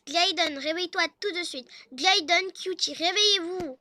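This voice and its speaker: A woman voicing a bossy, hurried preppy wife and mother in a toy-game role-play, loud and scolding. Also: very high-pitched, dry recording, exaggerated voice.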